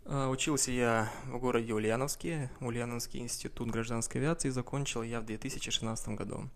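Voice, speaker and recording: A man in his twenties speaks as an airline pilot being interviewed. He explains things step by step in a mid-pitched voice, pausing as he goes. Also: steady tone. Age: 20s. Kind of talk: interview answers about career.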